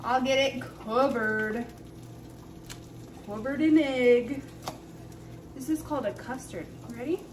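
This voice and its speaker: A woman's voice: sits high, takes it slowly, pauses often, reverberant, distant mic, slight background noise, poor audio. A woman vlogging from her home kitchen, talking casually and encouraging a small child through cooking step by step. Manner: slangy, says "like" often. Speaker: mom and wellness vlogger.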